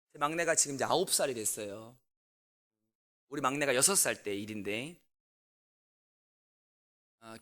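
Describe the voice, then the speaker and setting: A man in his forties, a pastor telling a family story in a sermon and asking the congregation questions, with loud bursts and quiet asides. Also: mid-range voice. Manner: animated, swings between loud outbursts and quiet asides.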